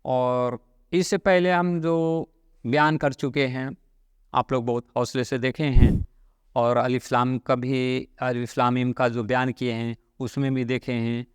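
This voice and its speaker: A man giving a Sufi religious sermon, explaining through a parable with deliberate, repetitive phrasing. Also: mid-range voice, little pitch movement, clear, resonant tone, dry recording, in a large hall. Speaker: Sufi preacher.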